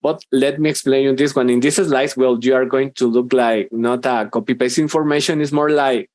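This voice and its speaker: A man's voice: medium pitch, steady tone, moderate pace, a little mellow, no room sound. A man in his thirties from Guatemala with a Guatemalan Spanish accent, giving an informal, hesitant conference talk on a headset from a small room. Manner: informal, hesitant, many fillers and restarts. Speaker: university professor and conference speaker. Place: small room indoors, video call.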